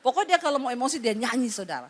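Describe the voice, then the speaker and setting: A woman pastor preaching in a high voice. She tells her story with teasing humor, slipping into different voices for the people in it. Her delivery is lively and playful as she addresses the congregation. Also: rapid-fire. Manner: lively storytelling, acts out dialogue with voice shifts. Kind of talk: sermon.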